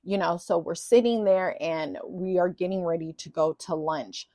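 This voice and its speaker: Chatty woman with a lowish voice, storytelling. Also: normal speed, no echo, studio quality. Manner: chatty and animated, acting out quoted voices, self-teasing. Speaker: vlogger telling a personal story. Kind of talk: casual storytelling monologue.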